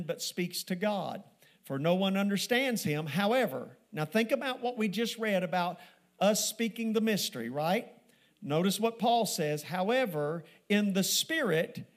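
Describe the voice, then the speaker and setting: A man with a notably high-pitched voice preaching a sermon in a church. He drives his points home with repeated phrases. He slows to a crawl to stress the key words of scripture. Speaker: pastor. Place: church sanctuary.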